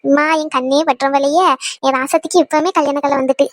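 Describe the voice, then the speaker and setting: Woman doing a fussy talkative cartoon mom, high voice, dry close sound. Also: fairly even intonation, fast, no room sound, close to an everyday voice. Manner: fussing, affectionate. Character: middle-aged mother of the bride, fussing and talkative.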